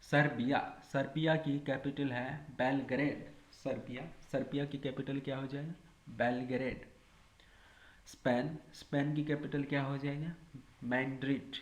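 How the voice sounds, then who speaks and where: A man's voice: mid-range voice, little pitch movement, measured pace. A man teaching a lesson, drilling each item by asking it as a question and answering it himself. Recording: echoey room.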